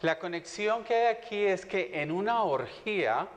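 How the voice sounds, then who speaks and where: A man's voice: high voice, lively intonation, measured pace. A man working as interpreter, reading scripture aloud and echoing a teacher phrase by phrase. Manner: reads aloud, then echoes the teacher phrase by phrase. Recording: reverberant hall.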